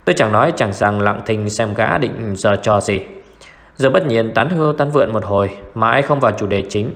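A man narrating a first-person mystery audiobook in a steady storytelling way. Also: lowish voice, normal speed, gravelly, in a large hall.

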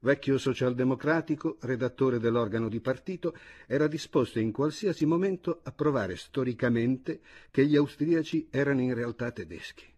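A man reading literary fiction aloud as a first-person narrator, measured and grave. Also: medium pitch, a little mellow, slightly rough. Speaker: audiobook reader.

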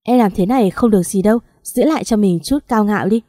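Woman doing a betrayed husband in an audio story, cold and accusing, low mellow tone, dry sound. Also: fast talker, dry recording, lightly acted. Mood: weary. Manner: cold, accusing, restrained anger. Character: bitter betrayed husband, early thirties.

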